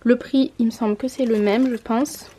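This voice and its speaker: Sitting by a window in a room at home, a mom vlogger in her twenties shows clothes to the camera in a relaxed haul vlog, catching and correcting herself mid-sentence. Her voice is somewhat high, dark and a little rough, with a steady tone and an ordinary pace.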